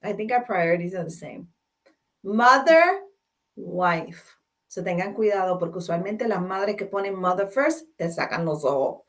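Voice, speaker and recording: A woman's voice: medium pitch, expressive, measured pace, fairly bright tone, recorded from a distance. A woman hosting a talk show, chatting playfully and emphatically while switching between Spanish and English. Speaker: host. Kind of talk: casual bilingual talk show chat.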